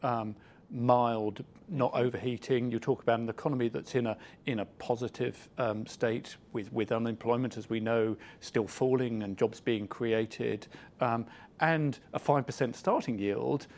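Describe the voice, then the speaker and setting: Male interview host, medium pitch, formal and slightly hesitant questioning on finance. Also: steady tone, unhurried, a little mellow.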